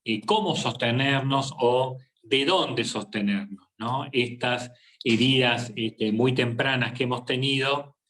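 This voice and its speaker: A man, a psychologist giving a reflective faith talk, speaking slowly with many pauses and fillers. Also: medium pitch, a bit bright. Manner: slow and halting, many fillers and tag questions. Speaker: psychologist leading a faith workshop. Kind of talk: reflective talk with a scripture reading.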